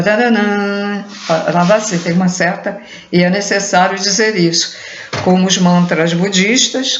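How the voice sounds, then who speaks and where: A woman giving an unhurried spiritual talk, musing aloud and often trailing off with a questioning "né". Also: mid-range voice, a little hiss or hum. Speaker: spiritual teacher. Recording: roomy, dull lo-fi recording.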